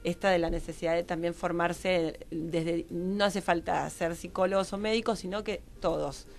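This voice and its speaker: Her voice is lowish and fairly even in intonation, at normal speed with vocal fry. As a guest on a radio interview, this Rioplatense-accented Argentine woman, who trains others in psychology, explains things reflectively and conversationally, often checking for agreement with tag questions.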